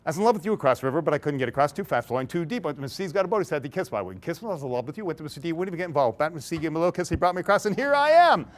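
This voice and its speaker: A pleading lovesick young woman, as a male speaker puts her on. She talks in soft, earnest bursts and rushes through her tale with a lively rise and fall. It is a storyteller's voice during a live talk. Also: fairly high pitch, lightly acted. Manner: pleading, quick recounting.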